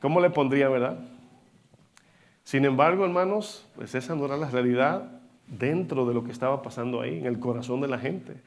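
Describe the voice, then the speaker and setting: A male pastor preaching a sermon, animated and asking the congregation rhetorical questions. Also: medium pitch, fairly quick. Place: church hall.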